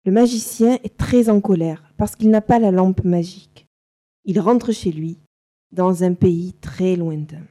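Woman narrator, slow careful storybook reading, mellow tone. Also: lowish voice. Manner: slow, simple, carefully articulated.

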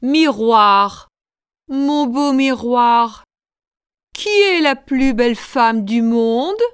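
A woman voicing a vain, jealous, wicked queen in a slowly read storybook. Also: a little high, expressive, clear, resonant tone, no echo, clean studio sound. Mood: haughty. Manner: slow, carefully articulated storybook reading.

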